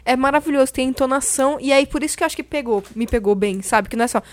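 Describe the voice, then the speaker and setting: A woman's voice: high-pitched, quick pace. A woman with a Brazilian Portuguese accent, chatting as a podcast guest, explaining at length with lots of fillers. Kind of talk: casual podcast chat.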